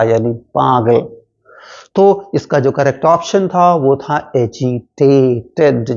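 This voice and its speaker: Slow, deliberate male teacher. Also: mid-range voice, darkish tone, highs cut off. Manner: slow, deliberate, repeats each word. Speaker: English teacher for exam prep. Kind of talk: vocabulary lesson, spelling words letter by letter.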